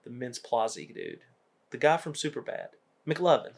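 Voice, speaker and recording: A man's voice: mid-range voice, a little slow. Young man retelling movie scenes casually. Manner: animated storytelling, acts out quotes. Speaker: podcast co-host.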